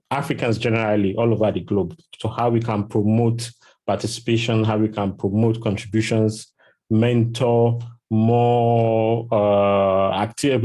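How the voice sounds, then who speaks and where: A man hosting an online community meeting, talking in a relaxed way with many fillers over a video call. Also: lowish voice. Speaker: host.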